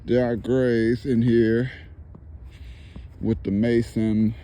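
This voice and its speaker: Outdoors near the woods, a man works as a paranormal investigator, casually posing questions to spirits and commenting to the camera. His mid-range voice is warm, very slow and has little pitch movement, and he repeats the answers back as questions.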